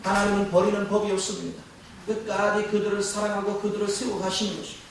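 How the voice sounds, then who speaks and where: A man's voice: high voice, little pitch movement, fast talker, distant mic, a little hiss or hum. A man preaching a sermon to his congregation, asking rhetorical questions as he goes. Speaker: pastor. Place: church sanctuary. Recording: echoey church hall, mic from afar.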